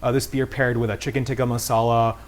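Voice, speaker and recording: A fast-talking man with a medium-pitched voice and little pitch movement promotes things enthusiastically as a guest at a cooking demo. He's a cook and a beer brand co-founder, speaking casually over the clear sound of a sizzling pan.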